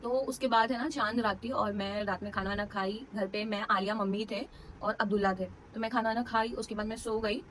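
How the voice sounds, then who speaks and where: A woman's voice: medium pitch, fairly even intonation, brisk, slight background noise, rough recording. A young woman vlogger, casually telling a personal story to camera, emotional and full of fillers. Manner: chatty, emotional retelling with many fillers.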